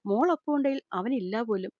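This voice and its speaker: A woman voicing an older man, a gentle worried father figure, softly consoling and explaining in an audio storybook. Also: a little high, expressive, a little fast, dry recording. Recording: slightly dull lo-fi recording.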